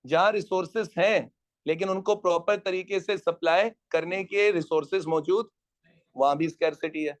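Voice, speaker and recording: High-voiced man lecturing a class. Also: moderate pace. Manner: teasing asides to latecomers, quizzing students. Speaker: economics teacher. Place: classroom with students.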